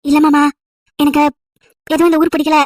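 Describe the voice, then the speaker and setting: A woman's voice: high voice, little pitch movement, a little fast, a little mellow, no room sound. A woman storyteller voicing a sad, devoted young wife who pleads earnestly and tenderly. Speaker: storyteller voicing all parts.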